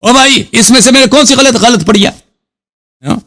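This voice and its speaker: A man's voice: very high-pitched, a bit bright. Combative man hosting a heated debate. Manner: combative, keeps cutting the caller off; recites Quranic Arabic verses slowly. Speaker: host. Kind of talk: heated live call-in debate.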